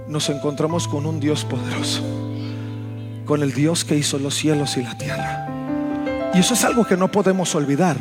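A man's voice: on the high side, normal speed, long pauses, over loud music. A man preaching a sermon as pastor, earnest and repeating phrases for emphasis. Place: church.

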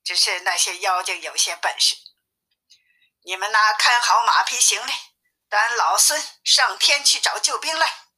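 A woman's voice: medium pitch, unhurried, bright, forceful tone, low-quality recording. A woman reading the lines of a bold, boastful male monkey king in a storybook reading. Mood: urgent, confident.

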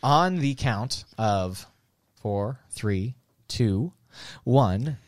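A man's voice: medium pitch, lively intonation, drawn-out words, no echo. A man co-hosting a crude comedy podcast, yelping and laughing through loose, rowdy banter. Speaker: podcast co-host.

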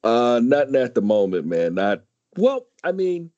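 Here a man from San Diego, USA, in his late thirties, talks at a steady, measured pace as a podcast guest, dropping swear words freely. His pitch shoots up when he's animated, and the dry recording sounds muffled.

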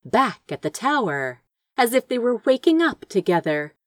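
An audiobook reader of fan fiction performs the story aloud with expressive, theatrical flair. Her voice sits a little high and moves at a moderate pace, with no room sound at all.

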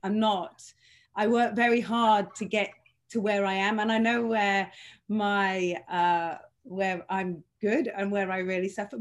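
A woman fitness trainer telling personal stories in a self-mocking, laughing way, pronouncing her R's softly as W's. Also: mid-range voice. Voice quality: cannot pronounce R's properly, says w for r. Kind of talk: animated personal storytelling in conversation.

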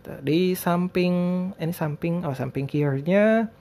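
Lisping man, higher-pitched casual podcaster. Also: unhurried, a little mellow. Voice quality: lisped r sounds (cadel). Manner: rambling, hesitant, informal. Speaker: podcast host. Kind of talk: casual solo podcast talk.

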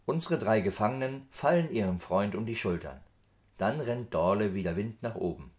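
A man's voice: on the low side, animated, moderate pace, darkish tone, natural voice. A man narrating a scripted children's story as an engaged storyteller who speaks to his listeners.

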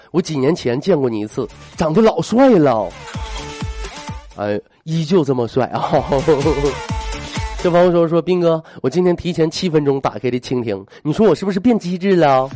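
A man's voice: on the high side, expressive, warm tone. Joking male radio host telling listener jokes. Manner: joking, quick storytelling with wry asides. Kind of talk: live radio call-in show reading listener messages and jokes. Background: faint electronic music.

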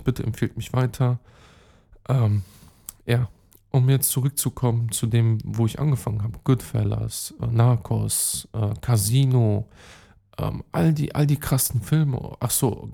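A man's voice: medium pitch, creaky, dark tone. A young man hosting a casual solo podcast, rambling with lots of fillers and street slang, talking straight to his listeners. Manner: chatty, rambling, many fillers and restarts. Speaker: podcast host.

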